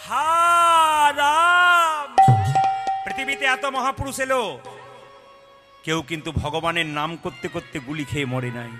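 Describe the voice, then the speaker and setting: A man preaching at a devotional kirtan gathering, dramatic, swinging between loud cries and hushed storytelling. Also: fairly high pitch. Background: music.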